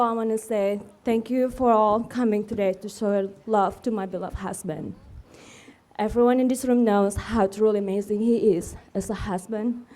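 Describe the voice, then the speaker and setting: A woman's voice: mid-range voice, dark tone. A woman speaking as a widow at a memorial, heartfelt, earnest and tender, addressing a room full of mourners. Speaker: widow giving a eulogy. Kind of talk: memorial speech.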